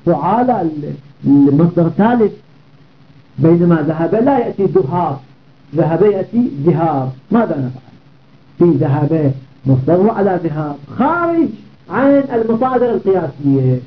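High-voiced man teaching grammar over tinny audio. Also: big pitch swings, moderate pace, pauses often. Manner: asks rhetorical questions, repeats word patterns. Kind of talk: classroom lecture on grammar.

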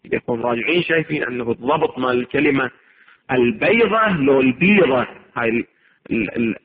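A man's voice: mid-range voice, fast talker. A man giving a seminary lecture on religious law, reading a text aloud and explaining it with rhetorical questions. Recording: tinny phone-like lo-fi recording.

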